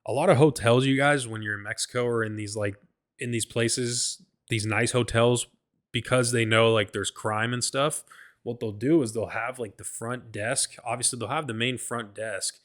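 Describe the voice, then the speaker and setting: A man's voice: medium pitch, steady tone, moderate pace, a bit bright. A man hosting a solo podcast, telling a travel story in a rambling, profane way, full of "like" and "bro," often stumbling and restarting. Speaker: podcast host.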